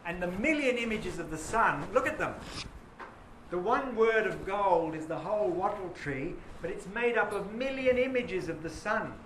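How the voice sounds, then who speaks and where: A man's voice: high-pitched, expressive, normal speed, a bit bright, a little hiss or hum. A male teacher leading a poetry lesson in a classroom, enthusiastic and full of praise for his students. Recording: roomy classroom echo.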